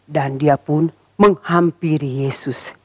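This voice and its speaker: A woman teaching Sunday school, telling a Bible story to children in a lively, expressive way and speaking straight to the kids. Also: low-pitched, slow, slightly rough, dry recording. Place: church.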